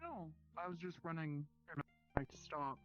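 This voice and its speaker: A woman with a low voice talks casually in improvised fantasy role-play. The voice chat is slightly muffled, with faint music behind. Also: expressive, normal speed.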